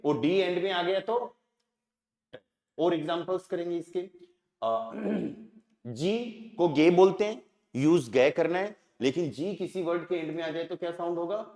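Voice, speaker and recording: A man's voice: high-pitched, darkish tone, roomy sound. Indian man teaching with quiz questions. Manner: asks the class questions and answers them himself. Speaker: German language teacher. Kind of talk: classroom lesson.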